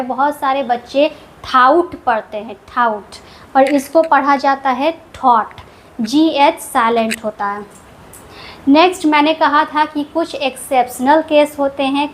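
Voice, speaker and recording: A woman teaching English pronunciation rules, who explains each rule slowly and repeats the example words with care. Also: high voice, a little hiss or hum.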